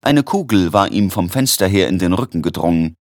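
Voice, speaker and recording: A man narrating a story in an expressive audiobook reading. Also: sits low, fairly quick, dry recording, clean studio sound.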